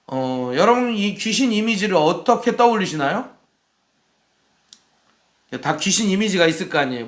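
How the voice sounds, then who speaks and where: A man preaching a sermon as pastor in a church, asking the congregation questions and acting out the shouts he quotes. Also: high voice, echoey room.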